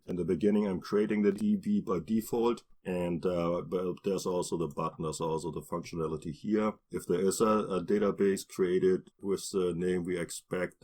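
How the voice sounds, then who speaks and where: A man narrating a screen-recorded programming tutorial, walking through each step plainly with frequent pauses and restarts. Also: low voice, a little mellow, husky. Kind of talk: screen-recorded coding walkthrough.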